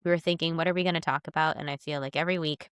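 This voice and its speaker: A woman co-hosting a sports podcast in casual chat, sounding nasal from a cold, chatty and animated. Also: low-pitched, very fast, clean tone, no room sound, studio quality. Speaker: podcast co-host.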